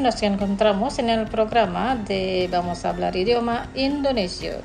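A woman hosting a radio language lesson, pronouncing each phrase slowly and repeating it for listeners. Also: mid-range voice, vocal fry. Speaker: radio language program host. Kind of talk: slow scripted language lesson.

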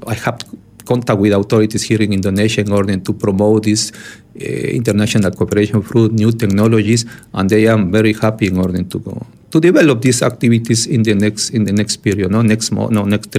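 A man from Ecuador speaking English with an Ecuadorian Spanish accent, answering interview questions as a diplomat in a halting way with many fillers and restarts. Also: on the low side, gravelly, a little mellow. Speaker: diplomat guest.

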